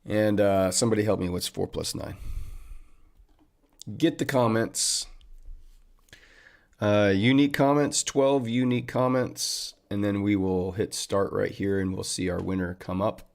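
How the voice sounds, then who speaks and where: A deep-voiced man with a gravelly edge hosts a casual livestream from his desk mic. He talks to his viewers in a chatty, upbeat way and keeps calling them man and buddy. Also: fairly even intonation, a little slow, pauses often, darkish tone. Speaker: trading livestream host.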